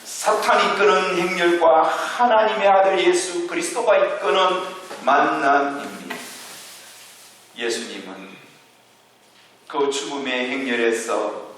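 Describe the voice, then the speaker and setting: High-voiced pastor preaching in echoey church. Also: male voice, slight background noise. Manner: preaching with rhetorical questions to the congregation; slow, deliberate delivery with soft drops and rising emphasis. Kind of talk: sermon. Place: church sanctuary. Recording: very echoey church hall, mic far off.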